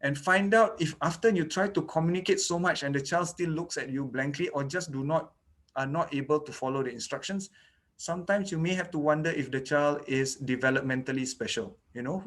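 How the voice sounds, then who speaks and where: A brisk man with a mid-range, fairly bright voice explains child dental care step by step in an online lecture recorded indoors. His first language is Malay, and he leans heavily on "okay" and "you know."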